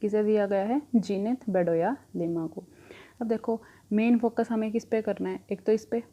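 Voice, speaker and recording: A woman's voice: medium pitch, dark tone. A young woman teaching current affairs, asking questions and answering them herself, with rhyming memory tricks. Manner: asks a question, then answers it herself, repeating.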